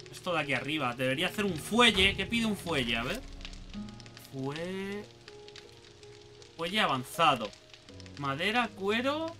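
Excitable high-voiced Spanish gamer man. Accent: Spain Spanish. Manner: excitable, talks to himself and the game, swears casually. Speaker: gaming channel host. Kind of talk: let's play commentary.

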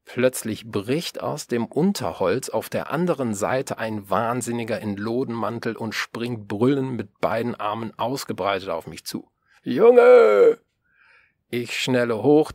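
Low-voiced man narrating a story. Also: no echo. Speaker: audiobook reader. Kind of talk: first-person narration.

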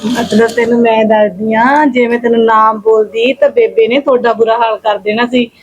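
A woman's voice: on the high side, flat delivery, normal speed, soft background music, close to an everyday voice. A woman acting a young elder sister who teases her family after a prank. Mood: teasing. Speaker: actor. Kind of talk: village short film acting.

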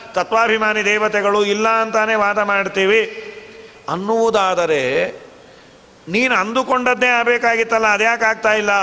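A man giving a devotional discourse, asking rhetorical questions and slowly chanting verses. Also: high-pitched, sharp tone. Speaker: religious discourse speaker. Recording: hall reverb.

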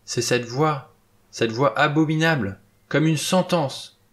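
A man's voice: fairly high pitch, lively intonation, moderate pace, pitched above the performer's own voice, natural voice. A man reading an audiobook, voicing a meek, shaken middle-aged housekeeper in a raised voice.

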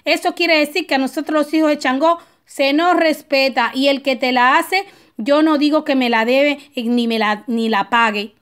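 A woman with a high voice talks her listeners through ritual advice in a loose, conversational way. She preaches a little and keeps checking in with short tag questions. She often drifts into personal stories before coming back to the point. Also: steady tone, normal speed, fairly bright tone. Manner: digressive, with restarts and personal anecdotes. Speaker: spiritual advisor teaching a ritual. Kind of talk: casual spoken advice talk.

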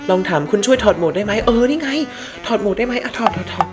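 Excitable woman gamer with lively pitch. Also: fast talker. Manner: excitable, crude slang, shrieks and laughs. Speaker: gaming channel host. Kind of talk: let's-play game commentary. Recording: game music behind voice.

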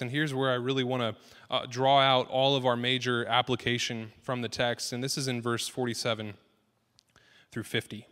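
A man's voice: mid-range voice, pushed and bright. A man in his thirties, a pastor giving an earnest, conversational sermon that builds in emphasis. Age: 30s. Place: church sanctuary. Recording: long reverb of a church hall.

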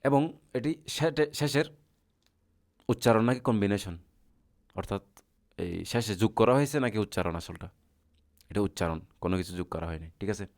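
A man's voice: fairly low pitch, animated, moderate pace, long pauses, darkish tone. A man, teaching Arabic grammar. He keeps asking his students questions, then answers them himself, and goes over each point again patiently. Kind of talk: classroom lecture.

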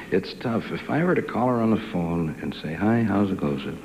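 A middle-aged man answers as a game show contestant. His voice is very deep. There is slight noise on the old studio broadcast. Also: lively intonation, moderate pace. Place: television studio. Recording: faintly noisy old TV broadcast.

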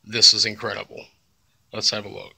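A man's voice: on the low side, completely flat delivery, fairly quick, vocal fry, sharp tone, breathy edge, no room sound. A young man chatting casually as a treasure hunter on a vlog. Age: young adult. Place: outdoors, on lawn and river water. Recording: noisy outdoor handheld camera audio.

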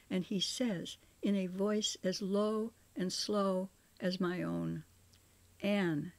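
An older woman, the author, reading her memoir aloud as an audiobook in a measured, expressive way. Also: medium pitch.

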